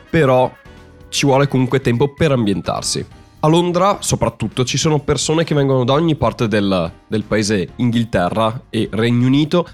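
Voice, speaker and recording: A young man from Italy hosting a podcast, explaining in a chatty way and laughing at himself now and then. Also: on the low side. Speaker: podcast host. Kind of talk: casual podcast monologue.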